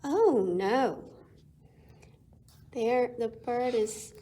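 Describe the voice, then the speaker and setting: Her voice a little high, a storytime reader shares a picture book with children, pausing dramatically and delivering the lines with lots of expression.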